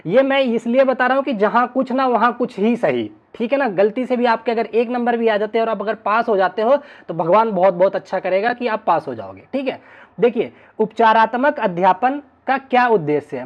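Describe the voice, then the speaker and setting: In a muffled recording, a male teacher with a voice that sits high gives an online exam-prep lesson. He's chatty and keeps checking in with his students by saying "ठीक है ना".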